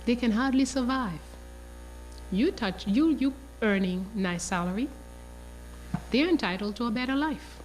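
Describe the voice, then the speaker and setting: A woman's voice: a little high, animated, unhurried, pauses often, slight background noise, low-quality recording. A woman lecturing on history as a teacher, telling a story passionately and with emphasis. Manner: passionate, emphatic, acts out quotes.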